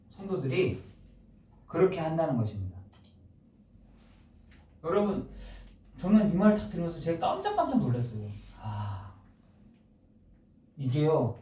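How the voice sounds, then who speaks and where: A man's voice: on the high side, a little mellow. A male pastor preaching a sermon in a church, firing off rhetorical questions and stressing his points. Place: church sanctuary. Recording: echoey church, mic at a distance.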